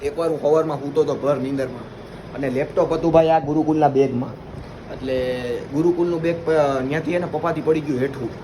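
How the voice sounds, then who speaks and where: A man's voice: fairly high pitch, noisy background. A young man with a Gujarati accent, chatting casually to viewers in a vlog. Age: young adult. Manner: chatty, addresses viewers as guys. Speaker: vlogger.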